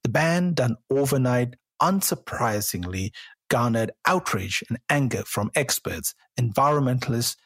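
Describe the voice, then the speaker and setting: A man from Sri Lanka hosting a podcast, narrating a scripted episode in a measured, reflective way. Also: medium pitch, animated, fairly bright tone, breathy edge, no echo. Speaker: podcast host.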